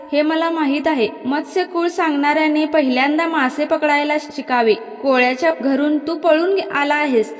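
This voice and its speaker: A woman's voice: high-pitched, natural voice. Woman reading as the scornful angry goddess Kalika. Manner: scolding, insulting. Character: weary then furious goddess Kalika, scornful. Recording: long hall reverb.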